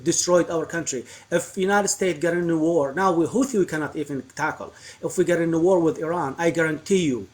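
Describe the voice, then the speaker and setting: A man's voice: on the high side, brisk, hardly any pauses, a little mellow. A man from Iraq, a guest on a live stream, talking politics earnestly and insistently with many fillers and restarts. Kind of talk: impassioned political talk.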